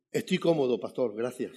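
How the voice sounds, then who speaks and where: A man preaching as a guest in a church, telling his testimony in an animated way and calling out "amen" to the congregation. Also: mid-range voice, background noise. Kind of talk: sermon with personal testimony.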